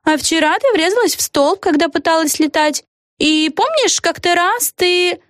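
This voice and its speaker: A squeaky little witch girl. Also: animated, moderate pace, a bit bright, no room sound, studio quality. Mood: chattering. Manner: squeaky, wide-eyed and blurting. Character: excitable chatty young girl witch. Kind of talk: audiobook character voice.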